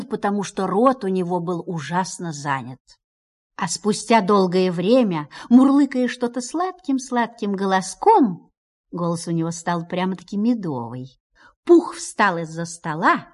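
A woman reading a children's story aloud in an expressive storytelling manner. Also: mid-range voice.

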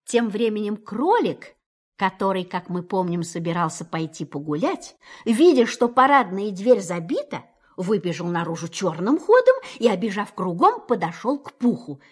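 A woman reading a children's story aloud in an expressive storytelling manner. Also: mid-range voice, normal speed, husky.

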